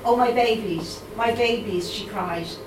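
A middle-aged poet from Dublin, Ireland, with a medium-pitched voice and a Dublin accent reads her poems at a live event in a steady, measured way, then chats haltingly with plenty of ums between pieces. The mic sits at a distance in a reverberant room, and a constant murmur of room ambience and background noise runs underneath.

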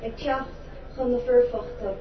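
A fairly high, steady voice at a moderate pace belongs to an Irish spoken word poet performing live before an audience. Her delivery is theatrical and impassioned, punctuated by wry humorous asides. Background noise sits under a roomy, dull, distant live recording.

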